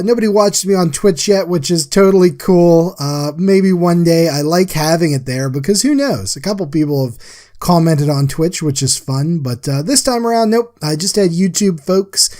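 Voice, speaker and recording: A man with a slightly high voice and dark tone speaks at normal speed in a casual, chatty voice-over. As an artist and livestream host, he recaps a drawing while talking informally to viewers.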